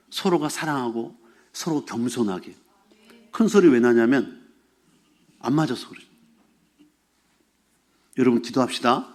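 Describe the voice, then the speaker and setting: A middle-aged man preaches a sermon in an animated storytelling style. His voice sits high and moves all over in pitch. He often turns to the congregation with questions. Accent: Korean. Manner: conversational, asks the congregation questions. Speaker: pastor.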